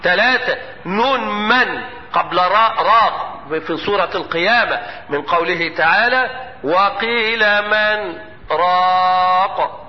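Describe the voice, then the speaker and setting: High-voiced Egyptian sheikh teaching tajweed. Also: male voice, animated. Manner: quizzes his students with quick questions and chants examples slowly. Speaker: Quran recitation teacher. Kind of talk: Egyptian Arabic tajweed lecture with chanted verses. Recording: dull lo-fi lecture hall with long reverb.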